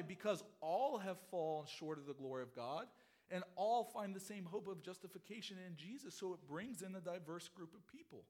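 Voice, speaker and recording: With a cold roughening his high-pitched voice, a middle-aged pastor gives a sermon that explains its points earnestly. He tends to repeat phrases often.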